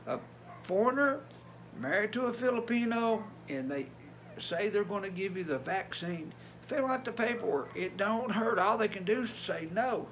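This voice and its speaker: Older male vlogger, Appalachian Tennessee accent, notably high-pitched voice, folksy and plainspoken, some background noise. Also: animated, normal speed, a bit bright. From Tennessee, USA. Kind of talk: casual vlog talk.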